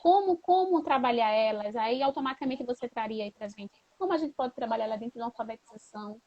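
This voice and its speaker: A woman's voice: on the high side, expressive, fast, dull audio. A woman who is a teacher hosts the interview with a Brazilian accent, asks questions and affirms the answers with short replies. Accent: Brazilian Portuguese. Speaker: host, teacher.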